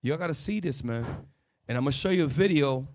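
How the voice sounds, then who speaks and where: A man's voice: fairly high pitch, expressive, fast talker, a little mellow. A man leads a religious teaching session, firing rhetorical questions and short commands to an assistant. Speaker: religious teacher leading a discussion.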